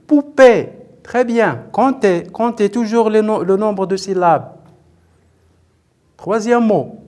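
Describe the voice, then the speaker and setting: A man's voice: sits high, slow, darkish tone. A man teaching a televised primary school lesson, patient and repetitive, questioning and praising pupils as he spells out words syllable by syllable.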